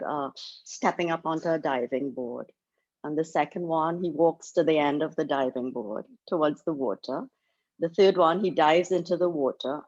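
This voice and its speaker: Low-voiced Trinidadian teacher, methodical. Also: female voice, darkish tone. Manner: patient, methodical, step by step. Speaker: panelist teacher. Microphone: video call. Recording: dull video-call audio.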